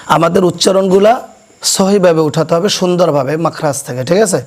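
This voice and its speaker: A man teaching children to pronounce Arabic letters, explaining slowly and quizzing his pupils so they repeat after him. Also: on the high side. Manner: asks questions and has pupils repeat; slow, deliberate explanation. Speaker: Quran teacher. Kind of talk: classroom recitation lesson. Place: madrasa classroom.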